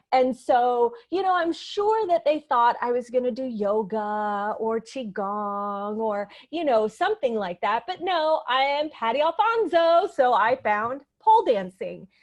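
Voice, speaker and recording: A woman from Puerto Rico, a coach and speaker, telling her story in an earnest, reflective way during a stage interview. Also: a little high. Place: convention expo venue.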